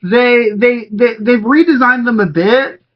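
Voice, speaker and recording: A man's voice: very high voice, measured pace. A man co-hosting a podcast in casual chat, rambling with lots of fillers and restarts. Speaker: podcast co-host. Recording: dull lo-fi audio.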